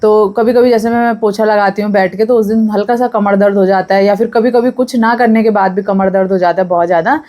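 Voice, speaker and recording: A woman's voice: medium pitch, fairly even intonation, brisk, hardly any pauses, warm tone. A young pregnant woman chatting casually to camera in a vlog, talking freely and drifting off topic. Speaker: vlogger.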